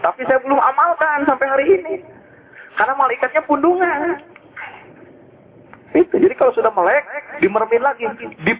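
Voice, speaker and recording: Guy preacher, chatty and jokey, keeps asking the crowd questions, thin phone-ish sound. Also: very high-pitched. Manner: joking storyteller, asks rhetorical questions. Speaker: Islamic preacher. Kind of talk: casual religious teaching talk. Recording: tinny lo-fi phone-like recording.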